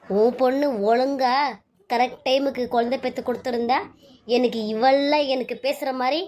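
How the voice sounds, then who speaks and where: A woman's voice: high voice, fairly even intonation, normal speed, darkish tone, lightly acted. A woman voicing a domineering middle-aged mother-in-law who scolds and wails melodramatically. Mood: scornful.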